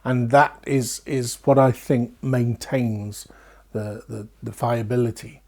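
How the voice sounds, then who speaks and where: A middle-aged British man who writes and acts in pantomime talks animatedly in an interview about his writing, slipping into acted-out asides. His medium-pitched, darkish voice is delivered flatly and slowly.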